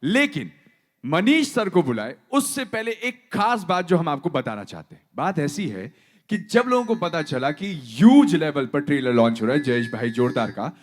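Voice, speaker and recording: A man hosting a launch event on stage, playful and loud, rousing the crowd. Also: on the high side, big pitch swings, normal speed. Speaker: event host. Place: large event hall with an audience.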